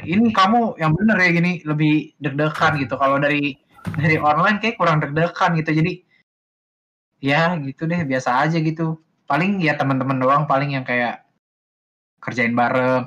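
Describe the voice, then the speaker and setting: A man's voice: a little high, highs cut off. A university student in his twenties chatting casually and jokingly on an online voice call. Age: 20s. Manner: relaxed and joking. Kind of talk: casual chat.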